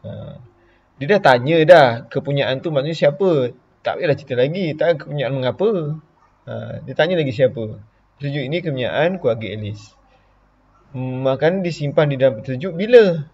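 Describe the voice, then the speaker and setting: A man's voice: mid-range voice, expressive, normal speed, lo-fi sound, a little hiss or hum. A man with a Malaysian Malay accent, a primary school teacher giving an online lesson in a chatty way, explaining with repeated example questions.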